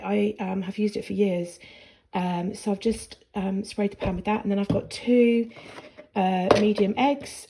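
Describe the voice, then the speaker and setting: This is a woman filming a casual vlog in her home kitchen. She talks to the camera in a chatty, upbeat way, at a middling pitch, as if she were recording on her phone. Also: gravelly, warm tone. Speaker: vlogger.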